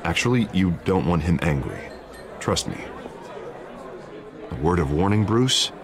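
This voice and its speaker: An actor playing an affable, persuasive politician in a video game, with a smooth-talking, coaxing manner. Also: male voice, low-pitched, sing-song, measured pace, a crowd in the background, full character voice. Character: affable, persuasive male politician, eager to please.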